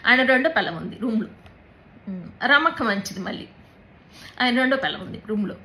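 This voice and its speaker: A woman giving a personal account in an interview, speaking haltingly, repeating words and mixing in English words. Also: on the high side, lively intonation, pushed and bright, a little hiss or hum, rough recording. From Andhra Pradesh, India.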